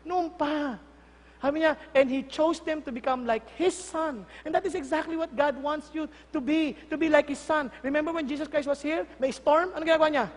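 A man preaching a lively, joking sermon as pastor, switching between Tagalog and English. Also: very high-pitched, normal speed, long reverb tail. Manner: animated, jokey, mixes Tagalog and English.

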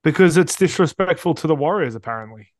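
A man's voice: a little high, lively intonation, quick pace, no room sound, studio quality. An Australian man giving blunt, sweary opinions in casual sports banter as a podcast co-host.

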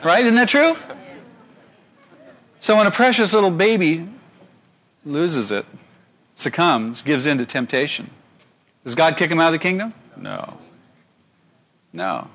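A male pastor delivering a sermon, animated and constantly asking his audience questions. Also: on the high side, measured pace, pauses often.

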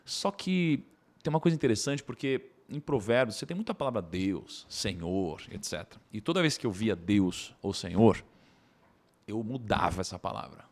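A man, a podcast guest telling a personal story in animated casual conversation. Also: fairly low pitch. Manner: animated, tags sentences with quick asides.

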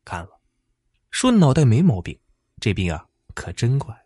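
Tired irritable husband as the storyteller puts him on, impatient, husky, pitch all over. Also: male voice, big pitch swings, normal speed, mellow, no echo, studio quality. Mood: exasperated. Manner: impatient, exasperated. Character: weary, irritable young husband.

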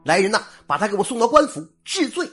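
A man's voice: high voice, sing-song, fast, sharp tone, breathy edge, faint music behind, voice pushed up, heavily acted. A man voicing a scheming, greedy young stepson who blusters and accuses. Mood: angry. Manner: blustering, accusing, then stammering.

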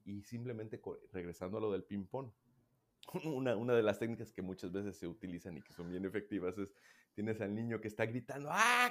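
A man with a very low voice speaks in a relaxed, explanatory way. He talks through child welfare work in a casual conversation. He acts out examples, at times raising his voice sharply and at times dropping to a hush.

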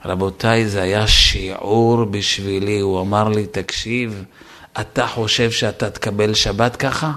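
A man's voice: fairly low pitch, steady tone, fairly bright tone. A man, a rabbi, giving an emphatic Torah lesson, repeating his words for stress and addressing his listeners directly. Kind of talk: sermon.

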